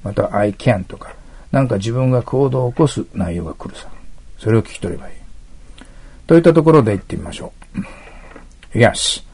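Gravelly male english teacher, dark husky voice, walks thru exam questions step by step. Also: mid-range voice, lively intonation, fairly quick, long pauses. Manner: explains step by step, asks listeners to mark text. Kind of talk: exam prep lecture.

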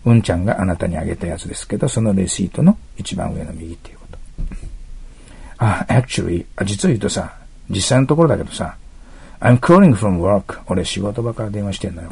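Gravelly low-voiced man teaching English. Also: expressive, normal speed, darkish tone. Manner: explains step by step, asks listeners to mark text. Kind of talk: exam prep lecture.

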